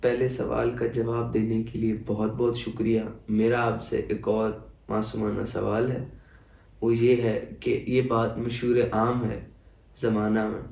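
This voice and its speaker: A man puts formal, polite questions to a doctor. He speaks slowly, with very little rise and fall in his voice. He sounds distant from the microphone in an echoing room. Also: mid-range voice, vocal fry, darkish tone. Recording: roomy echo, voice from away from the mic.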